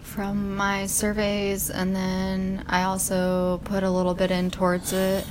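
A woman's voice: mid-range voice, monotone, slow, noisy background. A woman in casual chat, talking in a chatty, offhand way.

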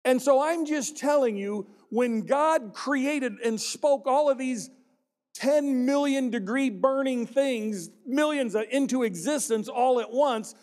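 A man's voice: extremely high pitch, slow, darkish tone. A middle-aged man preaching a sermon, with playful joking asides to the congregation. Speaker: pastor.

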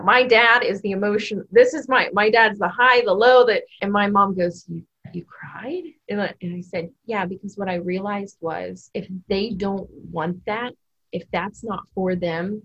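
A woman in her thirties tells a personal story on a podcast, energetic and emotional, tripping over restarts. Her voice is a little husky. The sound is dull and lo-fi. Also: medium pitch, normal speed. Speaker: assistant principal.

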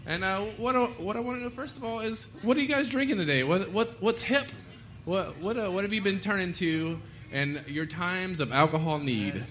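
Bright-voiced man hosting a bar game show. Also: high-pitched, normal speed. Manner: jokey, laughing between lines. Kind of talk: live comedy trivia hosting. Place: bar stage with a live audience. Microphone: stage microphone.

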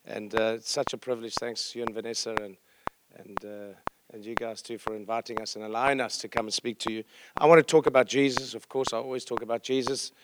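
At a church service, a middle-aged South African visiting pastor chats informally and humorously with the congregation, poking fun at himself. He talks fast in a medium-pitched voice with little pitch movement, amid background noise.

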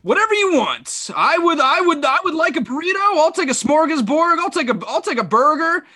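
Man doing a booming, high, bright TV sportscaster, grand and theatrical. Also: sing-song, brisk, exaggerated voice. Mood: grandiose. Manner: grand announcer cadence.

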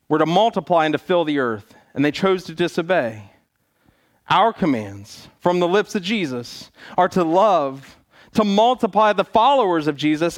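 High-pitched man preaching an earnest sermon. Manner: earnest exhorting, with rhetorical questions and repetition. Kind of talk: church sermon.

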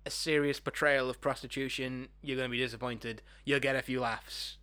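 A man's voice: mid-range voice, fairly even intonation, fairly quick, bright, forceful tone, clean tone. A young man co-hosting a casual movie review chat, sweary and jokey, slipping into silly voices. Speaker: podcast co-host.

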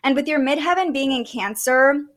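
A woman hosting a podcast, giving a conversational astrology reading in a gentle, explanatory way. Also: high voice, moderate pace. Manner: gentle, explanatory, with light laughs and fillers.

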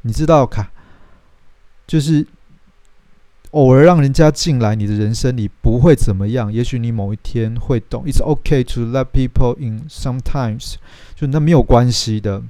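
A man's voice: medium pitch, normal speed, dark tone, dry recording. A man, telling the plot of a film in a casual, chatty way and acting out the characters' lines. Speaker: host retelling a film plot. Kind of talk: casual storytelling film recap.

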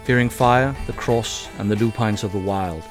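A man voicing an ominous, portentous narrator in a scripted dark-fantasy podcast intro. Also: lowish voice, moderate pace, music in the background, pitched below the performer's own voice, lightly acted.

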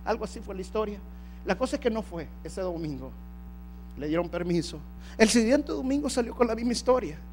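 A male pastor delivering an impassioned sermon that swings from hushed tones to shouting. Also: sits high, expressive, fairly quick, slight background noise.

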